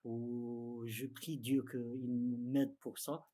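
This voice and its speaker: A man with an Arabic accent teaches a religious lesson in halting, non-native French. His delivery is slow and his mid-pitched voice has a husky grain. He often repeats phrases as he interprets the lesson for beginners. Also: flat delivery, dark tone.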